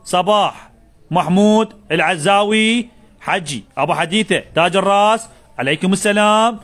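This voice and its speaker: A man with an Iraqi Arabic accent pitching goods on a live sales stream, full of effusive greetings and repetitive patter. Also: normal speed, a bit bright. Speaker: live-stream seller of bale goods and home textiles.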